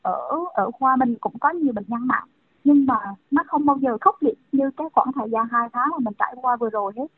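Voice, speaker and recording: A young woman doctor in her thirties gives a phone interview over a tinny, dry telephone line with no room sound. Her voice is high-pitched and brisk, and she talks earnestly and conversationally with frequent fillers.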